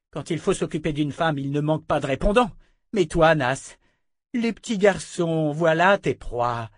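A man's voice: a little high, no echo, studio quality, pitched above the performer's own voice, natural voice. A man voicing Callan, a scornful captive woman. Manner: taunting, scornful. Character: defiant, mocking captive woman inquisitor. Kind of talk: audiobook reading.

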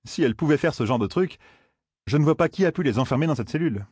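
A man's voice: on the high side, animated, fast, darkish tone, dry recording, studio quality, voice pushed up. A man reading an audiobook, voicing a brash young man who curses and grumbles sarcastically. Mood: sarcastic. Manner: gruff, cursing, sarcastic.

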